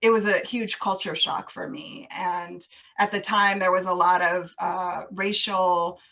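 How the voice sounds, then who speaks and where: A woman's voice: lowish voice, flat delivery, measured pace. A woman interview guest speaking casually and reflectively, laughing now and then as she talks about growing up on military bases. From grew up on US military bases overseas. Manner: warm, reflective, laughs easily.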